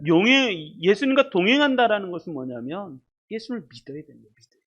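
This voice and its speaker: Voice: mid-range voice, animated, fast, highs cut off. A pastor preaching a sermon, addressing the congregation directly and repeating key words for emphasis. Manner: dramatic, swings between loud emphasis and hushed asides; addresses the congregation directly and asks rhetorical questions.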